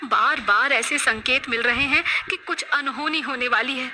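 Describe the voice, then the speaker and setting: A woman's voice: high voice, moderate pace, over music, lightly acted. A woman voicing an anxious, superstitious middle-aged village mother who frets and pleads. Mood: pleading. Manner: fretful and pleading.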